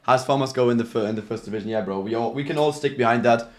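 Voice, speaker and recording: Speaking very fast in a mid-range voice, this German-accented man runs a live football reaction stream. He chats casually and reads viewer messages aloud, restarting himself a lot.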